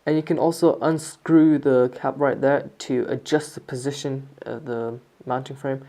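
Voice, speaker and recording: A warm voice at medium pitch talks at a normal speed with fairly even intonation. The speaker gives an informal product review, explaining features step by step in narration that sounds scripted.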